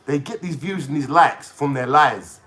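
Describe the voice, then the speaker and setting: Bright, high-voiced man ranting. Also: moderate pace. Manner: mocking, slangy, swears a lot. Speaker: vlogger. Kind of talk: ranting monologue to camera.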